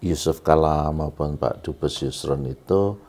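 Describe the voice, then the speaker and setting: A man, an ambassador, answering an interview question in a slow, deliberate way. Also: a bass voice, darkish tone. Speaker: ambassador, guest.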